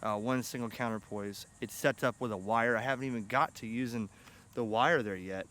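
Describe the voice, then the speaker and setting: This ham radio video host, a middle-aged American, talks about his hobby gear in a medium-pitched, slightly bright voice at a moderate pace. His chat is loose, eager, and unscripted, recorded on camera outside on grass near a pond under shady trees, with clear ambient noise.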